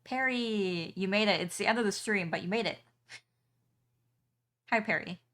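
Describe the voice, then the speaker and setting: A woman's voice: medium pitch, normal speed, a bit bright. A young woman streamer chatting casually with her viewers while she draws, with frequent ums and small laughs. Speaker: streamer and artist.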